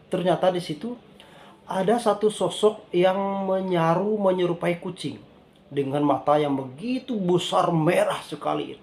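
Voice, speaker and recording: Guy sharing his church testimony, kinda high voice, faint hiss behind. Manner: repeats "dear brothers and sisters in the Lord", gets animated retelling the scare. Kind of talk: personal faith testimony.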